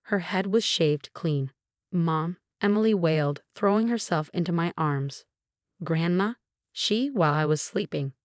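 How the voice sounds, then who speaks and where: Low-voiced woman telling a story. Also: animated, normal speed, hardly any pauses, no echo, clean studio sound. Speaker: narrator. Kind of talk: scripted first-person story narration.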